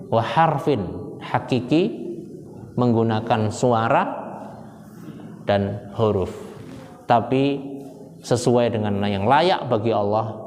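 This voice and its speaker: A male preacher giving a conversational religious lecture to a congregation, quizzing listeners with quick questions and jumping up in pitch for emphasis. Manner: animated, with sudden rises in pitch for emphasis. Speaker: Islamic preacher. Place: hall with a congregation. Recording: reverberant hall, faint background noise.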